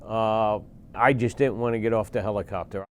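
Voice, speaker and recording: A man in his sixties from Philadelphia, a veteran recounting war memories in a plain-spoken, halting way with pauses and fillers. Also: on the low side, fairly even intonation, slight background noise. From Philadelphia, USA. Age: 60s. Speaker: veteran interviewee.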